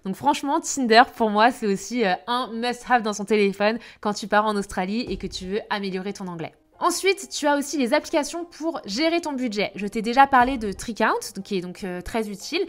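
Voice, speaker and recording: A woman's voice: a little high, lively intonation, a little fast, hardly any pauses. A young woman giving casual travel tips in a chatty way, with frequent hesitations. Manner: chatty, many filler hesitations. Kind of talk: casual chat to camera.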